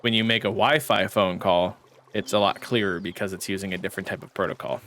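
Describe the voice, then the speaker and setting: A man's voice: low voice, steady tone, fast talker, a bit bright. A young American man in his mid-twenties, casually explaining and rambling while gaming. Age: 20s. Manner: laid-back, explanatory, rambling. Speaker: gaming channel co-host. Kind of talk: casual gameplay chat.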